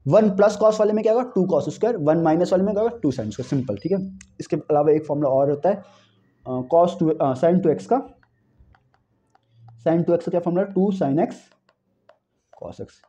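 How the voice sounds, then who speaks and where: A young man giving an animated exam-prep math lecture, repeating key phrases and talking to students as friends. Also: a little high, normal speed, pauses often, dull audio. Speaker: math teacher.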